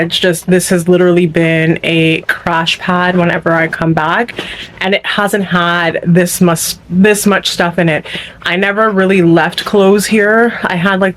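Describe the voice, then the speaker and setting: Holding her phone in a messy bedroom, a vlogger talks casually and wanders from point to point with her viewers. She sounds lowish and occasionally short of breath, with a little hiss or hum on the recording.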